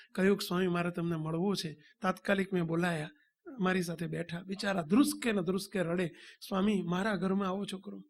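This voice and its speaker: A man with a high voice and a Gujarati accent delivers a sermon to devotees. He tells a story and acts out the lines of the people in it, calling out to his listeners as he goes. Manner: addresses devotees, acts out dialogue. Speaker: swami preacher.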